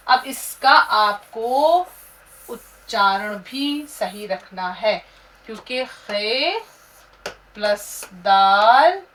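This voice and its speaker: A woman teaching how to write and pronounce words, spelling out letters and syllables slowly and reciting couplets. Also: a little high, fairly bright tone. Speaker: Urdu teacher. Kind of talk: slow script-writing lesson. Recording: distant mic with faint room noise.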